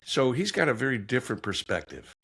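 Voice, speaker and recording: A man's voice: mid-range voice, big pitch swings, a little fast, a bit bright, husky. A man hosting a casual podcast interview, welcoming his guest and asking questions in an easygoing, conversational way. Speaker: podcast host.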